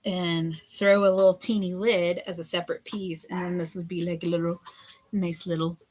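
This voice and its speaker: A hoarse woman in her forties, a potter chatting candidly while she throws clay at the wheel. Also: lowish voice, flat delivery, moderate pace, darkish tone. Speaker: potter streaming a throwing session. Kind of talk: casual chat while working. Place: pottery studio with lo-fi music on.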